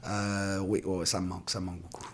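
A man's voice: low voice, level tone, fast, a bit bright, breathy edge. Rambling Québécois man in his thirties. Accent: Québécois French. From Quebec. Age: 30s. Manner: rambling, many restarts and fillers, laughs easily. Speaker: touring singer-songwriter guest. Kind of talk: casual radio interview.

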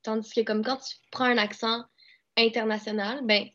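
A woman's voice: a little high, flat delivery, normal speed, a bit bright. A young woman with a Québécois accent, an actress and dubbing artist, chatting casually in an interview with lots of fillers and restarts. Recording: dull lo-fi sound.

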